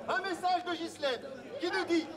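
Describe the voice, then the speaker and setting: Out in a public city street, a town crier projects and declaims his announcements and messages in a very high voice at a moderate pace. The outdoor recording picks up the crowd and street sounds around him.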